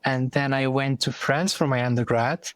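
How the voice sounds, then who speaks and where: A man's voice: medium pitch, steady tone, moderate pace, dry recording. A man in his thirties from Morocco with a Moroccan accent, a guest talking through his story thoughtfully with many fillers and restarts. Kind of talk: casual interview.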